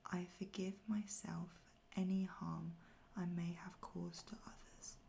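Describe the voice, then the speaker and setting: A woman delivers a whispered pep talk in the style of ASMR affirmations, low and softly breathy. Her delivery is very even and unhurried, with creaky edges. Phrases come slowly and repeat after pauses. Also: slight background noise. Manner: soft, breathy near-whisper.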